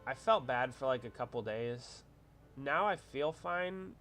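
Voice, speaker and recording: An adult man with a wife hosts a casual livestream while congested from a cold, rambling chattily and reading out viewer comments. His mid-range voice is animated, unhurried, and a bit bright, with soft music in the background.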